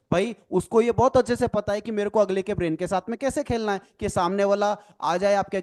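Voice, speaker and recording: A man's voice: high-pitched, darkish tone. A man leading an online training lecture, explaining patiently and often checking "right?" as he slips English phrases into his talk. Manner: explains slowly, mixes English phrases into Hindi, repeats "ठीक है ना?". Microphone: video call.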